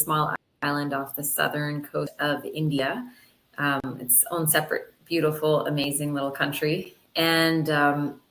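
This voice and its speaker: A middle-aged woman from Canada answers interview questions in an earnest, upbeat manner. Her voice is notably low for a woman. The room around her is echoey. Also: fairly bright tone. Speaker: physician guest.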